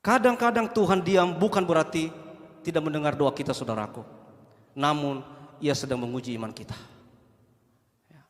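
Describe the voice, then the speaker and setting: A man's voice: on the high side, normal speed, long pauses. A male pastor giving a sermon in a church, asking the congregation rhetorical questions. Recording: reverberant church hall.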